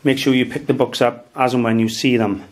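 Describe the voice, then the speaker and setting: A man's voice: mid-range voice, level tone, a little fast, slight background noise. Chatty Welsh man showing his finds. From Wales. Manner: chatty, full of "um" and "guys", gives tips. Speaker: antiques dealer and channel host. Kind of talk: casual show-and-tell vlog. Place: dining room at home, indoors.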